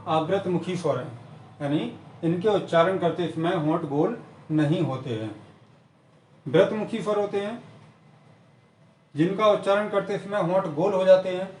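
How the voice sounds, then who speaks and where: A man teaches an exam-prep grammar lesson, going over every definition again and again at a steady, patient pace. His voice sits a little high for a man. The recording sounds roomy and echoey, as if the mic is set a few feet away, with a faint hiss underneath. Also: far from the mic. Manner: repetitive, drills definitions slowly.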